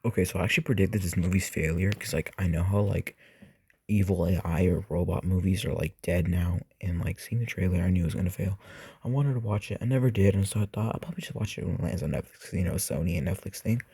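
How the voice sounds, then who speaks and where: A man's voice: low-pitched, steady tone, fast, creaky, darkish tone, breathy edge, no room sound. A young man casually reviewing movies for his channel, rambling and swearing with lots of fillers. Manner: rambling, profane, filler-heavy.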